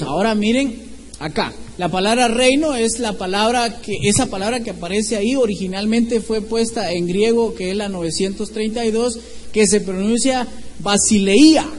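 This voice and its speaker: A man preaching an informal sermon in a church hall. He keeps putting questions to the congregation and often restarts his sentences. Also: high-pitched. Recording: echoey hall with faint background noise.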